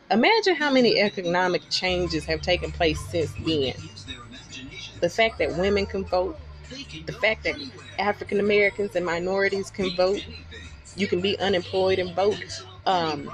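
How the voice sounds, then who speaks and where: Blunt, profane woman ranting over music. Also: mid-range voice. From Texas. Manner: blunt, profane, emphatic, repeats lines for stress. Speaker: vlogger. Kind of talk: heated political rant to camera.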